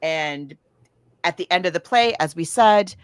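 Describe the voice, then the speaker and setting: A woman from the United States co-hosts a laid-back book and film podcast, telling stories and often retracing her steps. Her voice is on the low side and clean in tone, with lively intonation and a slightly slow pace, recorded as clean studio sound with no room noise.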